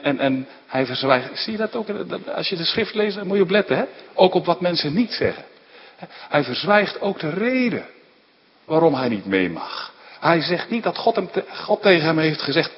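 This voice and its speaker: A man preaching a sermon, explaining scripture in an emphatic, animated way with frequent rhetorical asides. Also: fairly high pitch, moderate pace. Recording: dull sound in a large reverberant hall.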